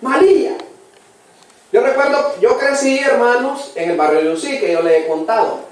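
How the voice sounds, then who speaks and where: A Salvadoran man preaching in a high, earnest voice, pressing each point home and calling his hearers brother. He sounds distant from the microphone, and his words ring through a strongly echoing church. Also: steady tone, brisk. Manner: addresses listeners as brother constantly, earnest and emphatic. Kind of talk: sermon. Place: church hall. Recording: very echoey church, voice from far off the mic.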